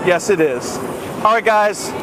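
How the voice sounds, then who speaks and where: A middle-aged man hosting and commentating excitedly, often shouting, while riding on a roller coaster outdoors. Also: sits high, unhurried. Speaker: theme park video host. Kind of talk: excited first-person ride commentary. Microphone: ride-mounted camera facing front seat. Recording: windy roller coaster noise, screaming riders.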